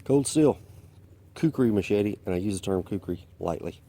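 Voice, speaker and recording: A man's voice: fairly low pitch, animated, moderate pace, mellow. A man casually showing his blades outdoors, a little out of breath, talking in a rambling, self-deprecating way. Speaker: vlogger demonstrating blades.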